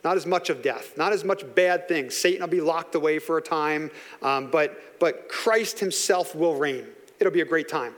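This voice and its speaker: High-voiced man preaching in a reverberant hall. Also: fairly bright tone. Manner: earnest, conversational preaching with slowed emphatic lines. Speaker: pastor. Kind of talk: sermon.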